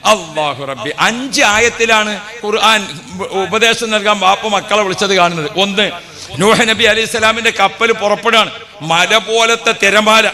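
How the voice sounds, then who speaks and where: High bright-voiced preacher in a hall. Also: male voice, moderate pace. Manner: animated storytelling with rhetorical questions and acted quotes. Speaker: Islamic preacher. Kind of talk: sermon.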